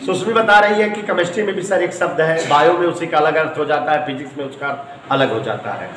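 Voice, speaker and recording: A man's voice: a little high, fast, reverberant, background noise. A man teaching a physics class, spelling out words letter by letter and asking his students questions as he goes. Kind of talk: classroom lecture.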